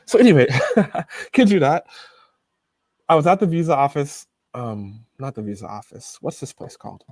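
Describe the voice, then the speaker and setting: A man from the United States, a YouTuber guest, casually telling animated anecdotes and laughing often. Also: fairly high pitch, moderate pace, no room sound. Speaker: interview guest, Chinese-teaching YouTuber. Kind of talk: casual storytelling in a video interview.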